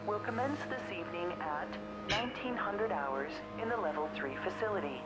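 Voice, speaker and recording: A woman voicing a calm, formal automated train announcer in a video game, giving measured safety notices. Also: on the low side, natural voice, rough recording. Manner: measured, formal, even delivery. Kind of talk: scripted public-address announcement. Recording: game audio with loud music.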